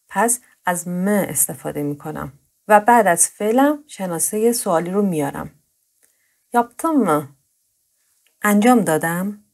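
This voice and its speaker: A woman presenting a grammar lesson, explaining patiently and slowing down to drill each verb form. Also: mid-range voice, a little mellow. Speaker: Turkish language teacher.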